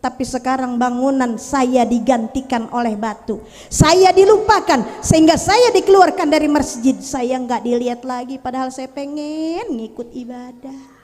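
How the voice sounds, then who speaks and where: A woman's voice: high-pitched, moderate pace, darkish tone, close to an everyday voice. A woman voicing a grieving old date palm trunk that pleads tearfully in a sermon story. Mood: mournful. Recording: long reverb of a hall.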